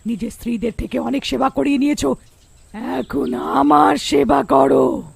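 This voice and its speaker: A woman's voice: a little high, lively intonation, unhurried, creaky, a little mellow, full character voice. A woman voicing a cruel female witch in a cartoon, cackling and menacing. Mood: commanding. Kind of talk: cartoon voice acting.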